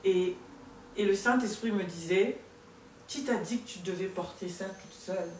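A woman's voice: medium pitch, sing-song, normal speed, a little mellow. A woman in her thirties telling her personal faith testimony as a talk show guest, earnest and hesitant with many restarts. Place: studio set with sofa, indoors. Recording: roomy, distant, faint room noise.

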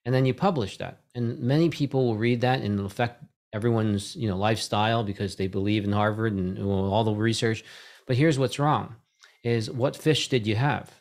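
This is a middle-aged male host with a lowish, slightly mellow voice and a normal pace, chatting on a casual video call through a boom-arm desk mic in a home room with bookshelves. He builds his point in a roundabout way, with restarts, circling back, and small "right?" tags.

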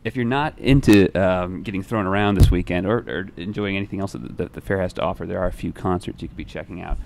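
A young man in his twenties hosting a casual newsroom chat at a desk microphone, relaxed and rambling, with many fillers and restarts. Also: sits low, fast, vocal fry, slight background noise. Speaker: music writer and show host. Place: newsroom studio.

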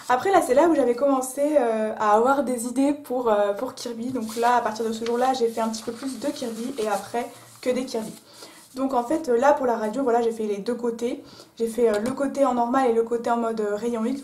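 A woman's voice: fairly high pitch, dark tone, a little hiss or hum. Chatty woman in an echoey room. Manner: chatty, many fillers like euh and voilà. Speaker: artist presenting her drawings. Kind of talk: casual chat.

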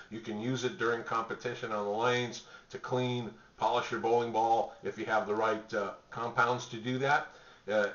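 A middle-aged man pitching gift products to the camera from a small home office, relaxed and rambling with many fillers. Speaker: store spokesman presenting products. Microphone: webcam at desk distance. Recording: roomy, distant, dull webcam audio.

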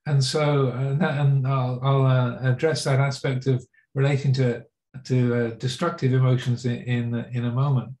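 A man in his sixties with an English accent, a Buddhist monk giving a dharma talk, halting with many fillers and restarts. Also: mid-range voice, level tone. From England. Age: 60s. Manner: halting, many fillers and restarts, gentle self-mocking laughs. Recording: roomy echo.

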